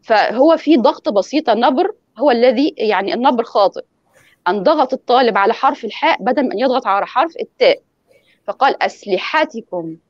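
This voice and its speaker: Woman, quick speech, fairly high voice, dry muffled call audio, lecture on recitation. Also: lively intonation, no room sound. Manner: explanatory, demonstrates pronunciation by example. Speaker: guest lecturer on Quran recitation. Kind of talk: online lecture and Q&A.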